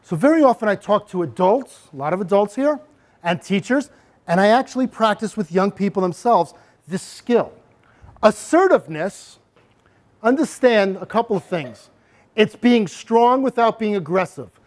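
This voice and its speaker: A man presenting a bully prevention workshop to parents and children, animated and acting out examples as he goes. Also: high voice, moderate pace. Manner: animated, acts out examples with sudden voice changes. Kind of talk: interactive workshop talk to parents and kids.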